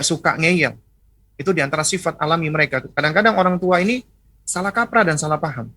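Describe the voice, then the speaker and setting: A man's voice: a little high, bright, forceful tone. A man giving a religious parenting lecture, teaching step by step, asking rhetorical questions and tagging his points with "ya". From Indonesia. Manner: didactic, rhetorical questions, frequent "ya" tags.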